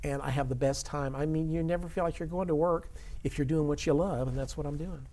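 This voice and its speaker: A man's voice: on the high side, fairly even intonation, a little fast, mellow. A man speaking as an interview guest and theater educator, earnest and emphatic in conversational answers.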